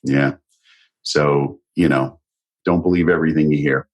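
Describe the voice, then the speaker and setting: A man's voice: extremely low pitch, steady tone, measured pace. A man hosting a podcast interview who affirms his guest with enthusiasm and drifts into tangents. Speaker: podcast host. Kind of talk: casual interview conversation.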